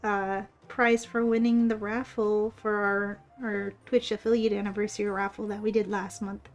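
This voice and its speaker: A woman's voice: medium pitch, little pitch movement, moderate pace. A woman with a cute, bubbly anime-streamer delivery, chatting casually on a livestream. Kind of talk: casual livestream chat while drawing. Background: background music.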